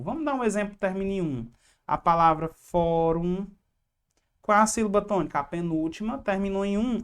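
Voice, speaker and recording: A woman giving an online exam-prep lesson, explaining step by step, asking questions and answering them herself, with chatty asides to her students. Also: medium pitch.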